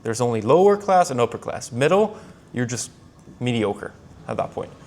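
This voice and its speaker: A young man, a sales coach whose first language is Spanish, speaks with a Mexican Spanish accent in a mid-range, slightly mellow voice that swings widely in pitch at a normal speed. Filming himself with a handheld camera while traveling, he delivers a blunt, motivational vlog monologue like a pep talk, calling the listener "man" and "bro."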